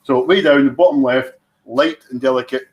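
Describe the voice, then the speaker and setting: Scottish guy running a whisky tasting, chatty and teasing, normal pitch. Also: moderate pace. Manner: chatty, teasing, restarts, savours the words. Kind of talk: casual tasting commentary.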